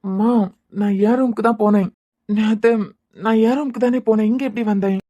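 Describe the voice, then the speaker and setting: A woman's voice: on the high side, fairly even intonation, a little fast, dark tone, lo-fi sound, close to an everyday voice. A woman with a Kanyakumari Tamil accent voicing a polite, bewildered young man in a cartoon serial.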